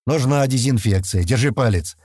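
A man voicing grouchy impatient explorer guy, grumbling, mocking, husky, lively swings, dry close sound. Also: mid-range voice, normal speed, no echo, pitched above the performer's own voice. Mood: grumpy. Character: grumpy, impatient young male space explorer.

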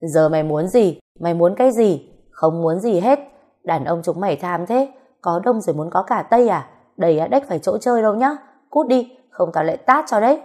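A woman voicing a hot-tempered young woman who shouts angry insults at a jealous suitor. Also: medium pitch, animated, fairly quick, natural voice. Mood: shouting.

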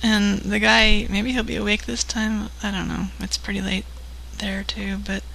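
A woman's voice: mid-range voice, level tone, moderate pace, gravelly, fairly bright tone, slight background noise, low-quality recording. A woman hosting a late-night prank-call stream, chatting in a loose, unprepared way. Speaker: host. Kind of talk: casual late-night chat.

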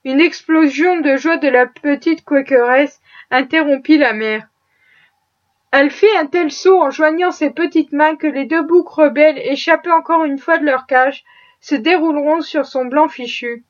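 A woman narrating a classic novel as an audiobook, with an expressive storytelling manner. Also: sits high, unhurried. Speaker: audiobook reader. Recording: muffled lo-fi audio.

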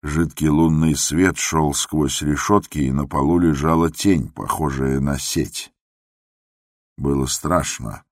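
A man narrating a literary drama in a measured, grave manner. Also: rumbling low, no room sound, studio quality.

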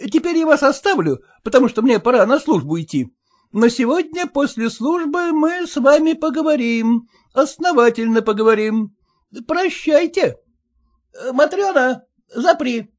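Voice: high voice, sing-song, moderate pace, voice pushed up. A reader voicing a fussy, stingy young husband who coaxes and then blusters, in a storybook reading. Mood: blustering. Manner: coaxing, bossy, blustering.

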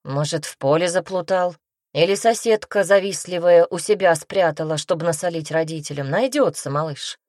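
A woman's voice: lowish voice, normal speed, darkish tone, dry recording, clean studio sound, natural voice. A woman doing a sarcastic, weary herbalist witch. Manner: sarcastic, snappish.

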